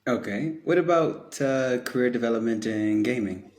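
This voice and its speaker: A man hosting an interview, asking short questions and moving briskly to the next topic. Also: medium pitch, a little mellow. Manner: brief, moves the talk along. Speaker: interview host.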